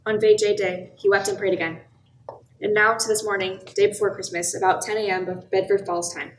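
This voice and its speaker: In an amateur radio play, a woman reads scripted narration as a storybook narrator recounting a small town's wartime years. Her medium-pitched voice is fairly quick, lightly acted, with little pitch movement, and the room is echoey with background noise.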